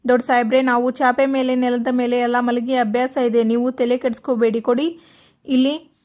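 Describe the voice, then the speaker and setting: A woman's voice: a little high, little pitch movement, moderate pace, darkish tone, lightly acted. A woman voicing a humble, polite young woman addressing her elder. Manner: polite, deferential.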